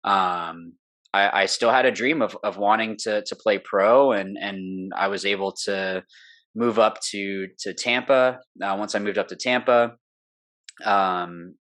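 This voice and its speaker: This guest, a young man who plays paintball professionally, talks in a rambling, earnest way during a casual interview, using many fillers. His voice is low-pitched and a bit bright, coming from a home studio room.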